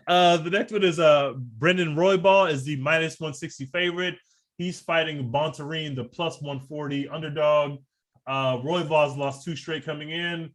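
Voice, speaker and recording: A man's voice: a little high, normal speed, fairly bright tone. A man co-hosting a casual podcast, talking fight picks in a laid-back, slangy way and laughing often. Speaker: podcast co-host. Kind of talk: casual sports betting chat.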